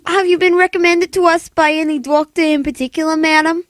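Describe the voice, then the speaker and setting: High-voiced, officious hospital clerk. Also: female voice, steady tone, no room sound. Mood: politely officious. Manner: formal, unhurried, politely detached. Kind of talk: old-time radio thriller acting.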